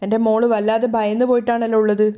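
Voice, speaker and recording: A tender mother full of guilt, coaxing her child with soft, soothing words, as a woman narrator puts her on. The voice is mellow and a touch high, and it moves quickly. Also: level tone, clean tone, lightly acted. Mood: regretful.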